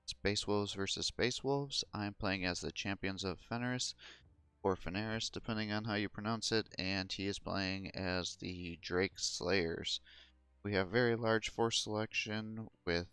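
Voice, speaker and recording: A man with a very deep, smooth voice talks through his strategy game match. He thinks aloud with hesitant fillers as he plays. The sound is dry and close. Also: a little slow, a bit bright, dry recording. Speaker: gameplay commentator. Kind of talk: casual gameplay commentary.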